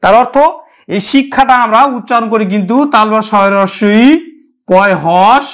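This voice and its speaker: A woman teacher giving a pronunciation lesson, explaining step by step, repeating each word slowly and speaking straight to her students. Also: fairly high pitch, a bit bright. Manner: addresses the class directly.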